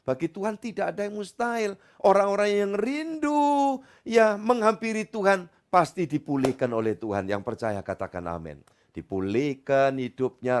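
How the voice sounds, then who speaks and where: A middle-aged man, preaching a sermon as pastor in a loose, conversational way with sudden loud rises. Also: mid-range voice.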